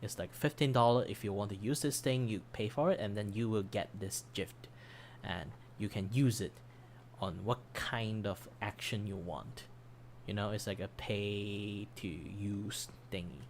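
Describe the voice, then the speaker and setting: Speaking unhurriedly in a fairly low voice, a streamer and commission artist chats on a livestream in a rambling, self-deprecating way. His voice is starting to go. Background music runs under his speech, along with a little hiss or hum.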